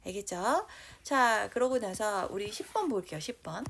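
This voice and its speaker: A woman teaching English grammar to high schoolers, with a mid-range voice. Her delivery is lively and full of check-in questions to her class. A faint hiss sits under the recording. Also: vocal fry. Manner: reads English sentences slowly while writing them out. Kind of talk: online grammar lecture.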